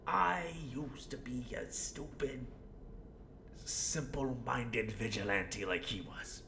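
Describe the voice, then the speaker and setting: A man acts out a theatrical villain clown delivering a persuasive roleplay monologue. The voice is forceful and full of creaky fry, rambling sardonically and swinging from mutters to outbursts. It echoes around the room over a faint rumble. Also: exaggerated voice. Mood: bitter. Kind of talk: in-character audio roleplay monologue. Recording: roomy echo, faint rumbling background noise.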